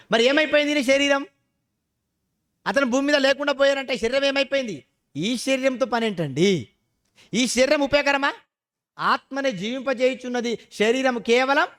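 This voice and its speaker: A male pastor delivers an emphatic sermon in an unusually high-pitched voice for a man. He fires rhetorical questions at his congregation and answers them himself, punctuating his points with short challenging interjections. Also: a bit bright.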